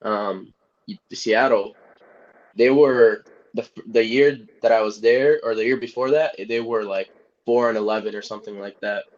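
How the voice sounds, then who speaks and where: On a casual podcast, a young Egyptian footballer chats as a guest, easygoing and rambling, with plenty of laughter. His pitch is fairly low, his intonation fairly even, and his speed normal. Audio is dull and lo-fi.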